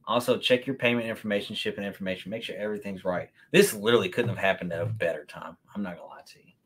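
A Kentucky man with a fairly low, breathy-edged voice talks very fast while hosting a sneaker livestream. He's relaxed and chatty, answering viewer comments on the fly from an indoor room lined with shelves of sneakers.

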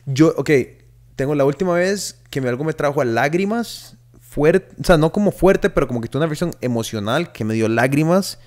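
A young man with a Costa Rican accent, co-hosting a casual podcast chat, animated and full of slang and swearing. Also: a little high, moderate pace. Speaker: podcast co-host.

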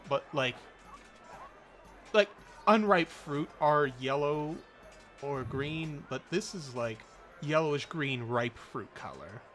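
A man narrating a tabletop game casually as game master, describing scenes in halting pieces. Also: a little high, animated, a bit bright, soft background music.

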